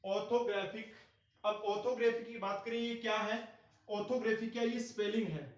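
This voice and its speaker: Guy teaching grammar, high voice, keeps asking and answering himself, super echoey room, mic kinda far. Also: fairly even intonation, moderate pace, muffled recording. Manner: asks questions and answers them himself, repeating key points. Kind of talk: classroom-style grammar lesson.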